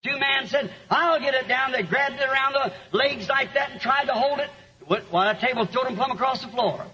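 A preacher with a very high, bright voice, telling stories that climb into shouted lines. The sermon was recorded lo-fi, so the sound is muffled and dull. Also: male voice, moderate pace. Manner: storytelling, rising to shouts. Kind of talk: sermon with an interpreter.

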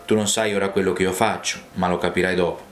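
A man reading the words of Jesus as a calm, earnest adult male teacher. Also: sits low, quick pace, natural voice. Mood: gentle. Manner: solemn, earnest. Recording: roomy, with faint music.

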